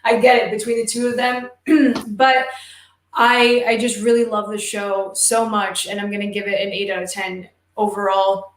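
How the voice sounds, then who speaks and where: A woman co-hosting a casual show chat, talking with enthusiastic, emphatic warmth about a series she loves. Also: medium pitch, little pitch movement, normal speed, a little hiss or hum. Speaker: podcast co-host. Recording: roomy echo.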